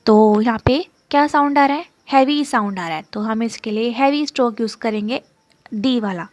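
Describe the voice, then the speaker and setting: A woman's voice: fairly high pitch, moderate pace, a little mellow, no room sound. A woman teaching a shorthand lesson step by step, patiently repeating terms and checking in with "okay?" as she writes. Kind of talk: step-by-step lesson while writing.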